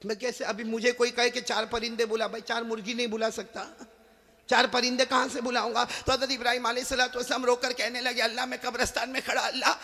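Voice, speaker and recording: A man's voice: very high-pitched, level tone, bright, forceful tone. A man preaching an emotional sermon in a sing-song, chanting style, calling on the crowd to answer him. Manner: calls on the crowd to repeat after him. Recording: long hall reverb.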